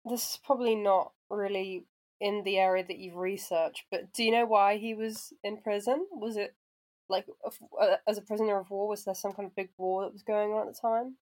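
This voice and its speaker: A woman's voice: medium pitch, steady tone, fairly quick, darkish tone. Curious, playful woman asking questions. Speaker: podcast co-host asking questions. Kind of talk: casual podcast chat.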